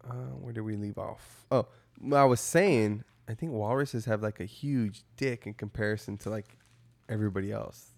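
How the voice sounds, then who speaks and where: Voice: mid-range voice, normal speed, a little mellow. A podcast co-host in casual chat, joking crudely and teasing.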